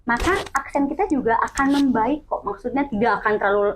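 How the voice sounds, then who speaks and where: A woman's voice: a little high, animated, brisk, a crowd in the background. Sundanese-accented woman explaining earnestly. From West Java, Indonesia. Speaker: English teacher guest. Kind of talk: conversational explaining.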